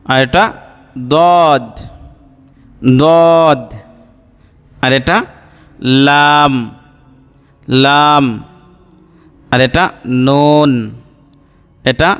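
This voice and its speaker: A man's voice: on the high side, steady tone, very slow, pauses often, a bit bright, clear, resonant tone, in a large hall. A man teaching Arabic letter pronunciation for Quran reading, repeating each sound and explaining patiently. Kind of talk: slow step-by-step pronunciation lesson.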